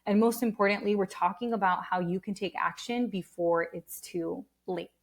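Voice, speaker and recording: Podcast-Moderatorin mit schwungvoller, betonter Sprechweise. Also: female voice, mid-range voice, moderate pace. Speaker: podcast host and coach. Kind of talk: scripted podcast introduction.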